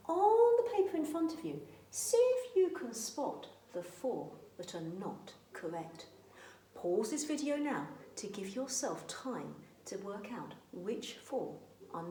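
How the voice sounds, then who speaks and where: A high-voiced woman teaching young learners, her pitch leaping about in a sing-song way as she stretches each word out very slowly. She repeats new words with emphasis. The sound is echoey, as if in a bare room. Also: a little mellow. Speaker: French teacher. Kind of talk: children's language lesson.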